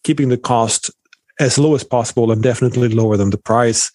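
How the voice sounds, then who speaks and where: Answering interview questions as a guest, a middle-aged economics professor from Sweden is thoughtful but full of fillers and restarted sentences. He speaks fairly quickly in a steady, medium-pitched, slightly mellow voice, recorded dry.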